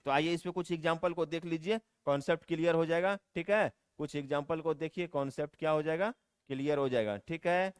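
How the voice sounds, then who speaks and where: A man gives a grammar lesson in a smooth, clear voice that sits a little high for a man. He repeats every point and keeps asking his listeners rhetorical questions, slowing right down on each English example sentence. The sound is dry and close, with almost no room echo. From India. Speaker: spoken English teacher. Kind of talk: classroom lecture explaining grammar.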